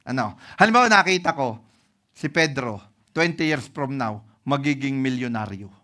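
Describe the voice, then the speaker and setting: A pastor with a Filipino accent preaches a sermon through lively storytelling, often checking in with the congregation using "ano?" and "no?" His voice is medium-pitched at a normal speed.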